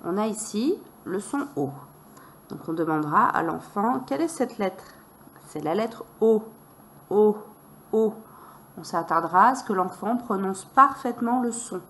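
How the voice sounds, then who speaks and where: A woman teacher walking parents through a reading method, sounding out letters and syllables slowly and deliberately. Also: mid-range voice, expressive, pushed and bright, slight background noise.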